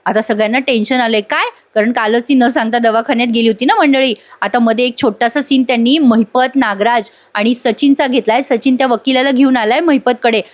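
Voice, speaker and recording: Woman, high voice, chatty voice-over review, talks to viewers directly. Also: brisk, few pauses. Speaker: serial reviewer.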